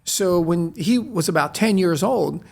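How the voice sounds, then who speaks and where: A middle-aged man from Brazil whose first languages were Chinese and Portuguese, telling stories briskly and with energy as a podcast guest. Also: sits high, creaky. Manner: brisk, animated storyteller. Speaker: guest, restaurant co-founder. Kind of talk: casual interview storytelling.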